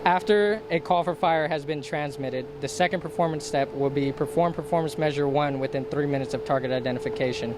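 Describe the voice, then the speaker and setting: Fairly quick and with few pauses, a high-leaning male voice reads scripted military instructions, formally enumerating every step. A clear, steady ambient hum runs in the background.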